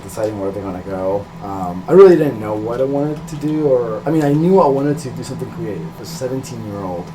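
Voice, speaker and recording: In an interview about himself, a middle-aged illustrator from Peru, who later lived in California, speaks casually and hesitantly, thinking aloud informally. His voice is fairly low, with background noise.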